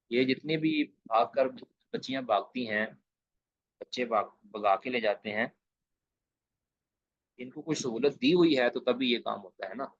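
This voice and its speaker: A man's voice: mid-range voice, dry recording. Emphatic man lecturing over a dull online call. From Pakistan. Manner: emphatic, repeats key phrases while translating Arabic line by line. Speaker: Islamic studies lecturer. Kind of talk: online lecture explaining hadith in Urdu. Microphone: video call. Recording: dull lo-fi online class audio.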